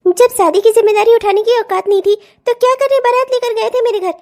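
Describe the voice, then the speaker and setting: Casting: woman as a very high-voiced cartoon bride, demanding and mouthy. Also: steady tone, a little fast, a little mellow. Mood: defiant. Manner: defiant, scolding. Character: bold demanding young bride, sharp-tongued. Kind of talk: cartoon voice acting.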